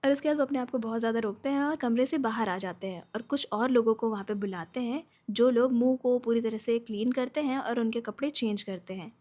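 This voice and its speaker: A woman's voice: fairly high pitch, fairly quick, few pauses, darkish tone. A woman retelling a drama's plot in a casual storytelling voice, lifting her voice for the characters' lines. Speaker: drama recap narrator.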